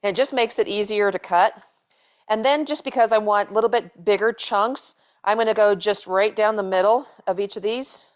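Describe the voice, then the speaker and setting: Speaking at a moderate pace and medium pitch, a middle-aged chef walks viewers through a cooking demonstration at home. She rambles in a relaxed way, with fillers and restarts, on a lapel microphone.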